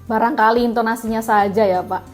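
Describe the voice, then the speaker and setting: A woman's voice: fairly high pitch, steady tone, a little fast, soft background music, lightly acted. A woman voicing a middle-aged male minister who apologizes for his raised tone and jokes about himself in a court reenactment. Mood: apologetic joking. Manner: apologetic, self-deprecating.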